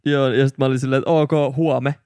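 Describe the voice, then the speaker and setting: A man speaking in a steady middle pitch, describing his music earnestly and thoughtfully. He talks close into the mic in a very dry studio. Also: clear, resonant tone, no room sound. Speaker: musician, podcast co-host. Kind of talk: casual chat.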